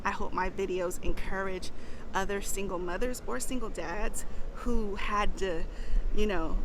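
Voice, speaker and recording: A middle-aged woman and mother talking heartfelt and casual to her viewers outdoors, at times turning prayerful. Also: fairly low pitch. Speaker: vlogger, mother. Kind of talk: personal vlog talk. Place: outdoors in wind. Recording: outdoor phone recording with wind noise.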